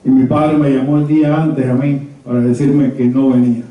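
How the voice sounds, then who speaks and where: Recorded from afar by a camera while holding a handheld mic, a Havana-born man of at least seventy reminisces for a small conference audience indoors. His Cuban-accented speech is measured and halting, pitched in the middle with little variation. The result is a heavily echoing, muffled room sound.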